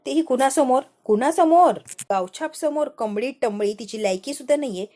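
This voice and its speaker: A spoiled, sharp-tongued young woman who mocks and jeers in a heated rush, as a woman puts her on in a serial recap. The voice sits slightly high and stays scornful. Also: animated, brisk, natural voice. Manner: mocking, taunting, heated.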